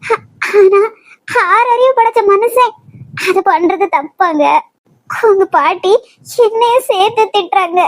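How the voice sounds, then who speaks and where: A woman voicing a hurt but spirited young wife in an animated cartoon, speaking in earnest, pleading complaints. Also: extremely high pitch, slow pace. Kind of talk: cartoon voice acting.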